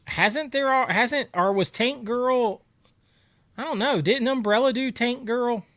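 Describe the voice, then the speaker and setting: With a stuffy nose, a sore throat and a cough drop in his mouth, a livestream host speaks in a very high, fairly bright voice at a measured pace, nasal from congestion. He chats casually with viewers, laughing as he answers their comments, with no room sound audible.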